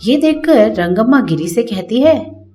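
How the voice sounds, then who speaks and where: A woman narrating a cartoon story from a script, in a plain, even storytelling way. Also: fairly high pitch, unhurried, music in the background.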